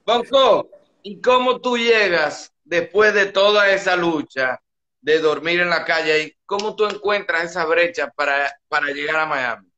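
A man hosting an interview, asking questions in a relaxed, conversational way. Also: a little high, measured pace, dull audio. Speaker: interviewer host.

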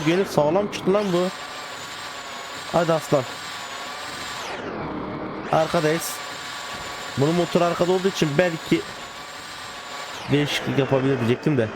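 A man giving casual gameplay commentary as a gaming video host, excitable and joking, playfully swearing and talking to the cars. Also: on the high side. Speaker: gaming YouTuber. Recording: game car sounds in the background. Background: game engine and car noise.

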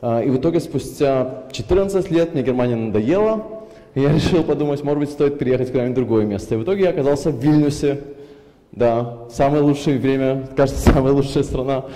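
A Belarusian man in his thirties, whose accent is an unusual mix shaped by years in Germany, gives a lively conference talk on a headset mic. He speaks fast at a medium pitch, gestures a lot, and uses plenty of fillers. The audience fills a large, reverberant conference hall.

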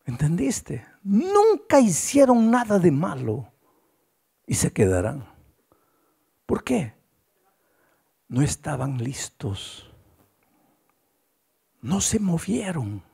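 A male pastor preaching a storytelling sermon, with swooping pitch and frequent rhetorical questions to the congregation. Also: huge pitch swings, very slow, vocal fry, pauses often, dark tone, slightly rough.

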